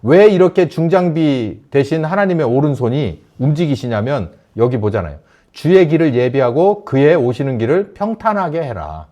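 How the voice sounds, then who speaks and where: Animated male pastor preaching. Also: fairly high pitch, moderate pace. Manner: animated preaching, asks the congregation questions; acts out shouted quotes. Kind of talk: sermon.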